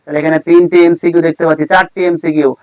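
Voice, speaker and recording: A man teaches an English lesson in a rather high voice that stays level and flat. He asks his students questions and answers them himself, repeating key words. The recording is dry and close. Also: rapid-fire, no echo, dull audio. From Bengal. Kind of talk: classroom-style lesson explaining a text.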